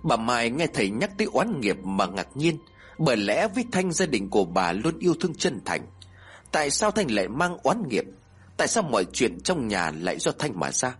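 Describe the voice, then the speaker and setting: A man narrates a ghost story with a husky, slightly breathy voice. His pitch rises and falls a lot, and the telling is dramatic and expressive. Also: moderate pace, soft background music.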